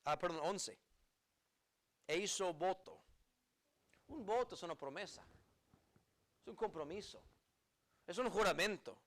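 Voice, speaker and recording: A man's voice: high voice, sharp tone. A man preaching a sermon in earnest, emphatic phrases, repeating key words, with an American accent as a native English speaker. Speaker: pastor.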